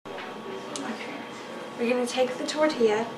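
A woman's voice: fairly high pitch, measured pace. A young woman chatting casually through a step-by-step cooking demonstration in a large teaching kitchen, heard from across the room. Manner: chatty, step-by-step instructions while working. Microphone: camera mic from across the room. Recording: echoey room, far from the mic, background noise.

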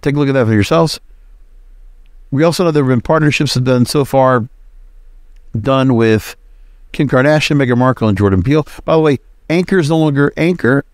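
A man delivers solo podcast commentary in a medium-pitched, slightly mellow voice, speaking briskly, conversationally and emphatically like a casual host airing his opinions. He pauses often, and the recording is dry with very little room sound.

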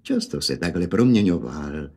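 A man narrating a fairy tale in a lively, expressive way. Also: sits low, slightly rough.

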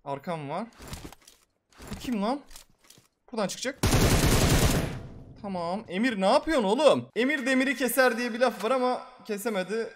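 A man giving live, excitable gameplay commentary as a gaming YouTuber, swearing and talking to his viewers. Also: very high-pitched, normal speed, pauses often.

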